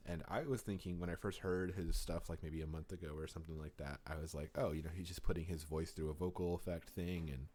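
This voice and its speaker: A man's voice: low-pitched, fast, hardly any pauses. A man co-hosting a podcast, chatting casually and rambling through stories with lots of fillers. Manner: rambling, animated storytelling with many fillers. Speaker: podcast co-host. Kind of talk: casual chat.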